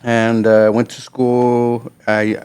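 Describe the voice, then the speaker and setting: A man's voice: medium pitch, takes it slowly, clean tone. Thirties guy from south texas, podcast guest, chill and rambly, lots of um and like. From South Texas, USA. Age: 30s. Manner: relaxed, laid-back, many fillers and restarts. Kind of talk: casual conversational storytelling.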